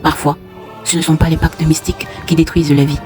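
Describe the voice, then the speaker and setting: A storyteller narrating a dark folk tale in a solemn tone, speaking directly to the listeners. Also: medium pitch, level tone, brisk. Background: faint music.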